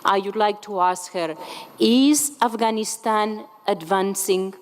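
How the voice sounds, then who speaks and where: A woman moderating a conference panel, introducing a speaker in a measured, slightly hesitant way. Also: mid-range voice, steady tone. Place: large convention hall. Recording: conference hall reverb.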